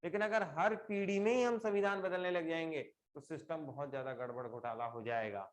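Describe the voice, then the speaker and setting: A middle-aged man teaching a live online class, explaining slowly with repeated examples and putting questions to his students. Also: a little high.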